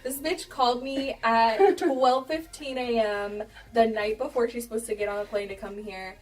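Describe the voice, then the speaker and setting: A woman's voice: on the high side, steady tone, normal speed, a little mellow. Young American woman chatting, off-mic over music. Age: young adult. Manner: candid, giggly, swearing freely, acts out quoted dialogue. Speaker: beauty vlogger. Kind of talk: casual chat with storytelling. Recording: distant mic with music behind.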